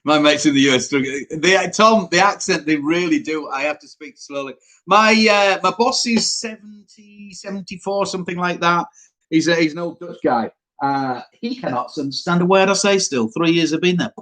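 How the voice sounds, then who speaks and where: A man's voice: fairly high pitch, normal speed, fairly bright tone. A man with a Yorkshire accent, a truck driver chatting casually on a live stream and answering viewer questions. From Yorkshire, England.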